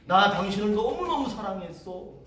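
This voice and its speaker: A man's voice: high voice, sing-song, normal speed, a bit bright, voice pushed up. A male pastor voicing a grieving old widower in his seventies, who wails and repeats his love. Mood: wailing. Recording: echoey hall from far off, faint hiss.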